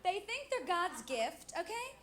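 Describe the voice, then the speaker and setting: A woman's voice: very high-pitched, very animated, a little slow, fairly bright tone. A woman from New York doing stand-up comedy, chatty and constantly checking in with the audience with little tag questions. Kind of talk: stand-up comedy with prop gags and impressions. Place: comedy club stage. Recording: noisy live club recording with audience. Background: audience noise and laughter.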